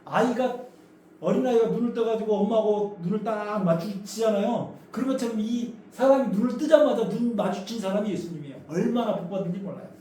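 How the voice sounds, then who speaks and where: The pastor's voice sits high and moves a little fast as he preaches in the church sanctuary. His storytelling is animated, full of acted-out voices and questions for the congregation, recorded from far off with echo and faint noise.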